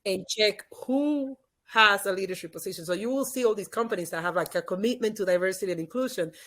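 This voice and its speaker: A native Spanish speaker from the Dominican Republic, with a Dominican Spanish accent, talks fast in a mid-range, slightly bright voice. She's a podcast guest, a leadership expert and former teacher, emphatically explaining her points in a conversational interview.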